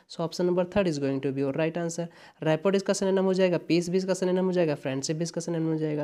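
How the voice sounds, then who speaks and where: A woman's voice: sits low, warm tone. A woman with an Indian accent teaching an exam-prep English lesson, explaining patiently and repeating words to check understanding.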